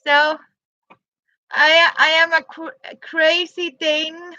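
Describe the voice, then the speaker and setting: A Danish woman in her fifties, a non-native English speaker, chatting on a live crafting stream in halting, simple English and greeting viewers by name. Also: very high-pitched, flat delivery, sharp tone, no room sound, highs cut off. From Denmark. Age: 50s. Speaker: livestream crafter.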